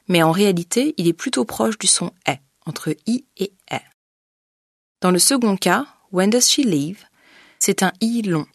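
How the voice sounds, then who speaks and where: A woman narrating a scripted pronunciation lesson as a teacher. She speaks in a clear, methodical way and slows down to model each sound. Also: lowish voice, dry recording, clean studio sound. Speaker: language teacher.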